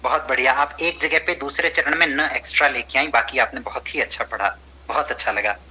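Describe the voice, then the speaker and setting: A male teacher speaks patiently over a video call, his voice very bright yet husky. He encourages his students warmly and mixes in English phrases as he guides them. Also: mid-range voice, a little fast, rough recording. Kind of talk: online class instruction.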